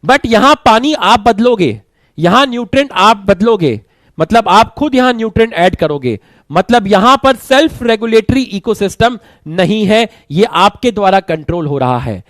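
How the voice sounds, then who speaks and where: A man with a sore throat giving a brisk online revision lecture, urging his students to hurry along. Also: sits high, expressive, a bit bright, dry recording. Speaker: online teacher.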